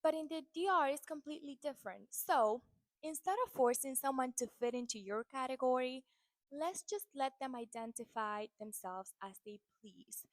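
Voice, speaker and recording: A woman's voice: high voice, no room sound. Woman with a dry close sound. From Dominican Republic. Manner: earnest, measured, explaining. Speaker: content creator. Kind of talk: explanatory social media monologue.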